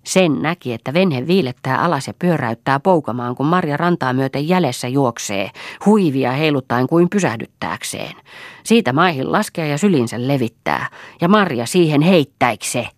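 A woman's voice: rumbling low, animated, no echo, studio quality, pitched above the performer's own voice. A woman voicing a bitter old farm mother who screams taunts and mocks with spite. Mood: spiteful.

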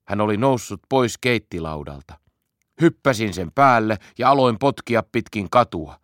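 A man calmly reading a children's story aloud as audiobook narration. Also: lowish voice, no echo, clean studio sound. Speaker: audiobook reader.

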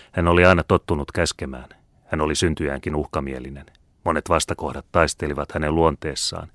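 Very deep-voiced male audiobook reader. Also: a bit bright, no echo, clean studio sound. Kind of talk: scripted narration of a classic novel.

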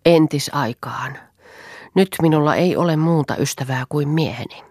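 A woman's voice: deep voice, a little mellow, breathy edge, no room sound, clean studio sound. A woman reading as a proud, defiant wife. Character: proud, strong-willed young wife, defiant.

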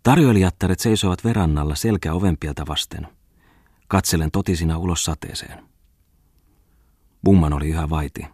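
Deep-voiced man reading an audiobook. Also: pauses often, a little mellow, slightly rough, no room sound, studio quality. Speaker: audiobook reader. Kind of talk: scripted narration.

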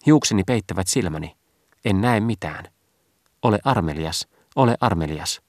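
A man's voice: low-pitched, lively intonation, no room sound, clean studio sound. A man voicing Modesty, the frailest and shyest maiden figure in a storybook reading, timid. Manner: timid, fleeing. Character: Modesty, frail shy pale virgin woman.

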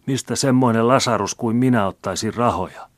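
A man's voice: low voice, no echo, pitched above the performer's own voice, natural voice. A man reading aloud and voicing a greedy old male miser who pleads and whines in self-pity. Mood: frightened denial. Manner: wheedling, self-pitying pleading.

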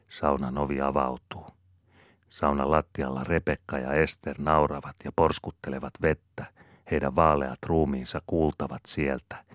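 A man reading a novel aloud as an audiobook narrator, in calm, even storytelling. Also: very deep voice, no echo, studio quality. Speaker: audiobook reader. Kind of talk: scripted narration.

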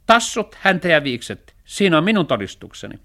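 A man voicing a sly, bossy tomcat in a radio storybook reading, with a sharp, demanding manner. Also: a little high, very animated, gravelly, voice pushed up, heavily acted. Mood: smug.

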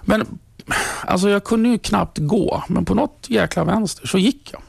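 Gravelly, husky Swedish man recounting. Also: sits high, no echo, clean studio sound. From Sweden. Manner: halting, many restarts, drops to a whisper at grave moments. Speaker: interviewee, trained ambulance driver. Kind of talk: personal testimony in an interview.

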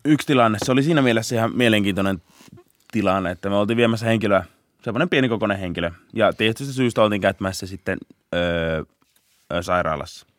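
A young man, a police officer, telling a story in a casual podcast interview, laughing often and shouting out bursts of the chase. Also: on the low side, dry recording. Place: podcast studio.

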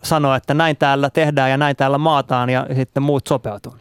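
A man co-hosting a live radio talk show, telling stories about being a dad in a wry, self-deprecating, measured way. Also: medium pitch, fairly even intonation, clean tone, no room sound, studio quality. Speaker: father, radio show co-host. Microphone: studio microphone.

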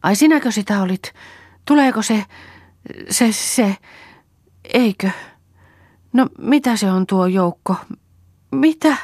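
A woman reading an audiobook, voicing a young woman gone mad in the forest, talking in frantic, excited bursts. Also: medium pitch, pauses often, no echo, clean studio sound, pitched above the performer's own voice, close to an everyday voice.

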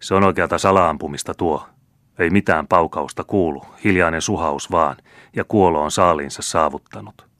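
Man doing a harsh middle-aged bailiff, barking orders, deep voice, dry close sound, storybook. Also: a bit bright, no echo. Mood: grim.

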